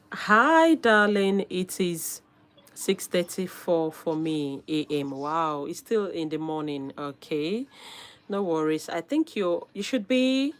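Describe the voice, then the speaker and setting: Slightly hoarse with a cold, a woman runs a casual live stream in an upbeat mood. Her voice is on the low side, and she keeps calling out viewers by name with frequent laughter.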